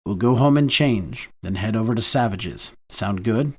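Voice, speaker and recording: A dry, level-headed man from a romance audiobook, speaking a touch lower and flatter than the narration, as the narrator voices him. He sounds calm and matter-of-fact. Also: normal speed, natural voice. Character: dry, steady man, protective partner.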